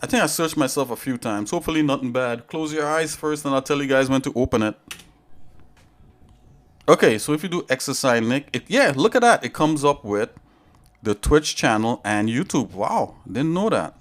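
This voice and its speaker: A man's voice: mid-range voice, lively intonation, moderate pace. A man hosting a casual livestream tutorial, rambling and chatting straight to his viewers from a home setup. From Trinidad and Tobago. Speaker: livestream host.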